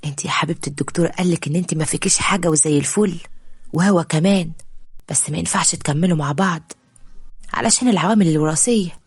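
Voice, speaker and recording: Lady doing a persuasive egyptian mom, husky low voice, talks fast. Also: dry recording, studio quality. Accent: Egyptian Arabic. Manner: coaxing, affectionate. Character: persuasive middle-aged mother advising her daughter.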